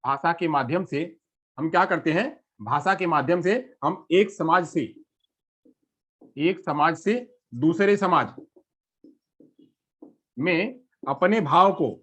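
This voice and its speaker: A man's voice: on the high side, slow, pauses often, a bit bright, slightly rough. Man lecturing with repeated questions. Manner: repeats questions and answers them himself. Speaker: teacher. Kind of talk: classroom lecture. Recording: lo-fi muffled recording.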